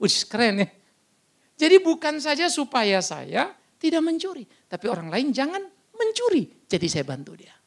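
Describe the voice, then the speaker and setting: A man with a Batak Indonesian accent preaches with a blunt, booming delivery. His voice sits high and swings wildly up and down, with a gravelly edge. He tells stories and breaks into sudden shouts. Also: moderate pace. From North Sumatra, Batak. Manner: loud, blunt, animated storytelling with sudden shouts. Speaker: pastor. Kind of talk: sermon. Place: church service.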